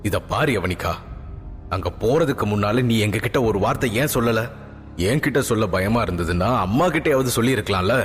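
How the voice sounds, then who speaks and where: A patient, fond king and father from an audio drama, as a narrator puts him on. He talks lower and steadier than the rest, calm and measured. A long reverb and a faint music bed surround the voice. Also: close to an everyday voice.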